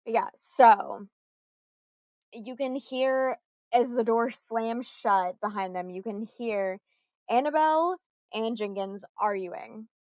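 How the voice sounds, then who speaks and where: A young woman narrates a tabletop game as its game master, her voice a touch high. She tells the scene casually and with animation, breaking off for quick asides. The sound is dry and dull, like lo-fi call audio. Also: dry recording.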